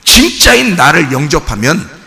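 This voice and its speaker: A man preaching an impassioned sermon in a church, swinging from quiet talk to shouting. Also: fairly high pitch, very animated, moderate pace, creaky. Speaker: pastor. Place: church sanctuary, early morning service. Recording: church hall reverb.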